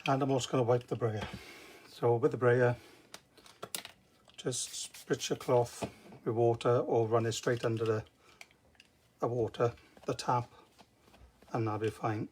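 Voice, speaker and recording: A man with a Welsh accent talks through a hands-on craft tutorial in an informal, step-by-step way. His voice sits at an average pitch. The recording carries noticeable noise and small clicks behind him. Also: fairly even intonation, unhurried, pauses often, a little mellow. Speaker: craft demonstrator. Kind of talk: casual live craft tutorial. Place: indoor craft table.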